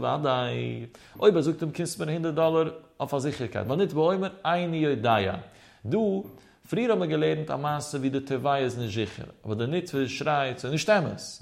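A man's voice: medium pitch, creaky, darkish tone. A man giving a traditional Talmud lecture, reading the text aloud and explaining it in a sing-song study cadence with emphatic rises and drops. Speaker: Talmud teacher.

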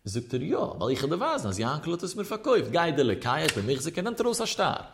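A man's voice: fairly high pitch, huge pitch swings, brisk. A man teaching a traditional Talmud lesson, reasoning through a case in a sing-song manner that rises and falls. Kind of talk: traditional Talmud study lecture.

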